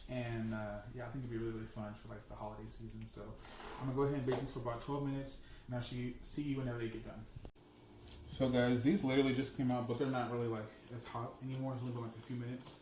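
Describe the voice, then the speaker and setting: A young man chatting away in his home kitchen, excitable and loose, filling every pause with "like". His voice sits at an ordinary middle pitch. The room bounces his voice back, with a faint hum of noise behind him. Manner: chatty and excitable, heavy use of "like". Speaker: food blogger host. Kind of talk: casual cooking vlog. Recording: echoey room.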